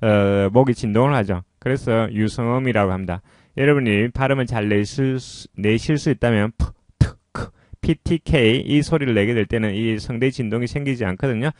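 A man's voice: mid-range voice, a little mellow, no echo. Patient male pronunciation teacher, dry sound. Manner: patient and explanatory, often pausing with "자". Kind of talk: lesson explaining pronunciation.

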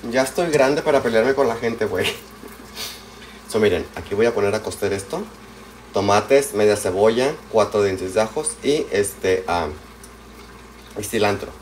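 A man's voice: lowish voice, animated, measured pace, long pauses. A man with a Mexican accent chatting casually with livestream viewers, calling them pet names and using slang while he cooks in a home kitchen at night. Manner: chatty and affectionate, greets viewers by name, slangy. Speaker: live streamer. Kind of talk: casual cooking livestream chat. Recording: kitchen noise behind the voice. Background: frying, pots and dishes clattering.

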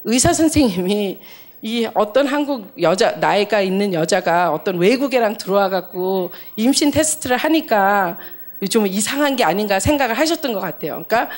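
A middle-aged woman giving a church testimony as a missionary, telling her story in an animated way and acting out the dialogue. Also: moderate pace. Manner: animated storyteller, acts out dialogue with big pitch jumps and laughter.

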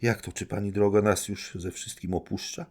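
A man's voice: on the low side, steady tone, normal speed, voice pushed up. A man reading an audiobook, voicing tearful, pleading young maidservants.

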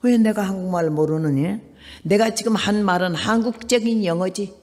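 An older woman missionary preaching a sermon, telling stories with dramatic swings between soft and loud speech. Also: mid-range voice, normal speed, in a large hall.

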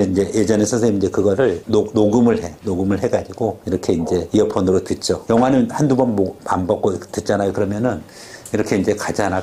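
Mellow-voiced male teacher drilling vocabulary. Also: lowish voice, a little hiss or hum. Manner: quizzes the class and drills pronunciation; talkative, drifts into stories. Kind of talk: classroom vocabulary lecture.

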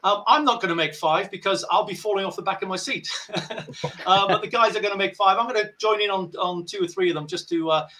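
A man's voice: high voice, a little fast, sharp tone. A man hosting a casual show over a video call, jovial and chatty with lots of fillers. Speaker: show host. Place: home room with guitars. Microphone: video call webcam.

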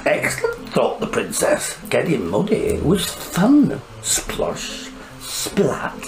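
A woman's voice: low-pitched, wildly swooping pitch, extremely slow, a little mellow. A woman tells a children's story with a wildly swooping, sing-song voice. She takes her time, lingering over each line. The recording sounds roomy, with faint music underneath. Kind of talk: expressive storybook reading.

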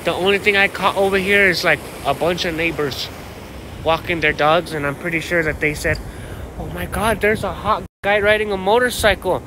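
An American man in his thirties vlogs casually into a phone held at arm's length while outdoors on a dirt path beside a canal, with outdoor ambient noise picked up by the phone. His voice sits high with fairly even intonation at a moderate pace, and his rambling talk is slangy, profane and boastful.

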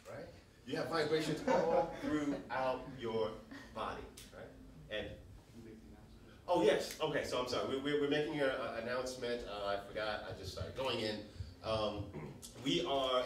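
A man leading a workshop, coaching a group through breathing and voice warm-ups with short encouraging prompts, often checking in with "right?". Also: medium pitch. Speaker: workshop leader. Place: large room with an audience. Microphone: handheld mic, off-mic at times. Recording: echoey room, distant mic, audible noise.

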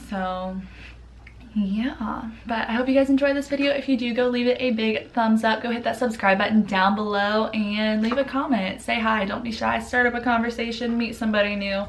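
A woman's voice: on the high side, creaky, a little hiss or hum. A young woman vlogger telling stories in a casual, chatty way, full of fillers and restarts. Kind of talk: casual storytelling vlog.

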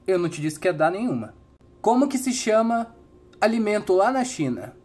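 A young man with a Brazilian accent tells dad jokes, setting up silly riddles and dropping deadpan punchlines. His voice is husky and swings widely in pitch. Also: normal speed, faint music behind. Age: young adult. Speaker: comedy channel host.

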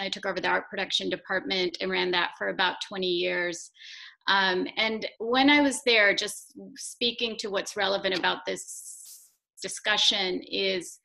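Middle aged woman on a zoom panel, bright sharp voice, chatty with lots of ums. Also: mid-range voice, gravelly, poor audio. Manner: reflective, conversational with fillers. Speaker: panelist, former art production head. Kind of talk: panel discussion.

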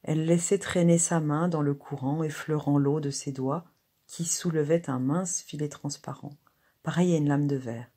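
Husky-voiced woman reading a classic tale. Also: low voice, steady tone, moderate pace, warm tone. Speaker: reader. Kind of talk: literary story reading.

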